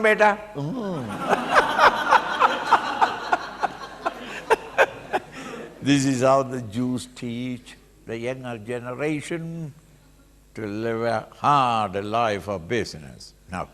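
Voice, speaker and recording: A teacher with an Indian accent gives a dramatic spiritual discourse, an animated sermon full of rhetorical questions and acted-out examples, delivered emphatically. His mid-range voice sounds pushed and bright. The hall is reverberant with a long echo, and there's slight background noise.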